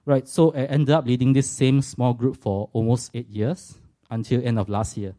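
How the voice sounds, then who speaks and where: A Singapore man in his forties tells a church audience his personal faith testimony, earnest and reflective with touches of self-deprecating humour. His mid-range voice is steady and warm at normal speed, with a Singaporean accent.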